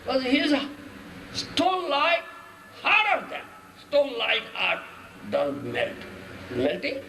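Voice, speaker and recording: A man with an Odia accent and a very high voice preaches slowly, teasing his listeners with questions and laughing. He breaks into sung verses as he goes. The room is echoey and noisy. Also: huge pitch swings, gravelly. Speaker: guru giving a lecture. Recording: echoey room with background noise.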